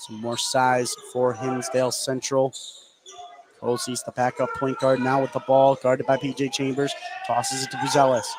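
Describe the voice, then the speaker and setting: A man with a medium-pitched, monotone voice calls live basketball play-by-play at a normal speed as a radio announcer. He is courtside in an indoor gymnasium, and gym background noise is clearly audible.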